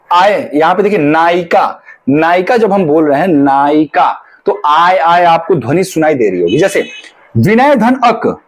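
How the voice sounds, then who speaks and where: A man's voice: sits high, low-quality recording. A man teaching an online exam-prep lesson, asking his viewers questions and answering them himself, drawing out the key syllables. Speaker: Hindi teacher.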